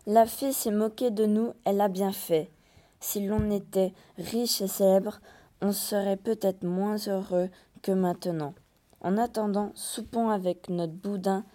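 A woman's voice: mid-range voice, fairly even intonation, measured pace, warm tone, close to an everyday voice. A woman reading the part of an impulsive peasant wife in a fairy tale, plainly, with small hesitations. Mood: resigned. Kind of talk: read-aloud fairy tale dialogue.

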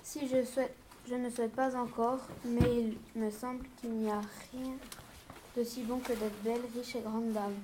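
A woman's voice: on the high side, level tone, moderate pace, close to an everyday voice. A woman reading a fairy tale aloud and voicing a vain, eager peasant wife with a dramatic manner. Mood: longing. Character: poor peasant wife, vain and quick-wishing. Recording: noisy home recording with clicks.

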